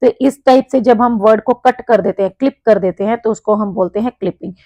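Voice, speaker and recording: A woman's voice: fairly high pitch, warm tone, no echo, muffled recording. Woman teacher, dry close sound. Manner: reads English sentences slowly, explains in Hindi with frequent "theek hai". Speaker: English teacher. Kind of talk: exam-prep lesson walkthrough.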